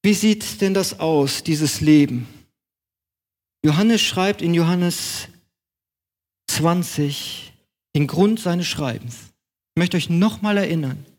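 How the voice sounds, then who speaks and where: A man's voice: on the high side, slow pace, long pauses. A man preaching a sermon in German as pastor of his congregation, with an emphatic, repetitive cadence.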